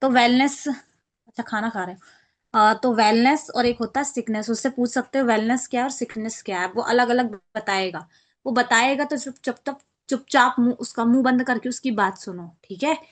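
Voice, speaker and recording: Woman, online class trainer, somewhat high pitch, explanatory, acts out sample calls, video-call audio. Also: moderate pace.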